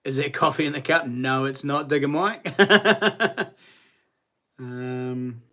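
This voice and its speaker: A man's voice: mid-range voice, slow pace, bright, forceful tone. A man with a broad New Zealand accent hosting a casual live chat, talking to viewers in matey Kiwi slang. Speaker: live stream host.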